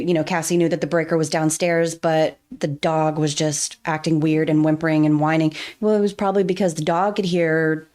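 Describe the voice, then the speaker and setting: Woman co-host, lowish voice, blunt casual reactions. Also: a little mellow, clear, resonant tone. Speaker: podcast co-host. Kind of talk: casual podcast chat.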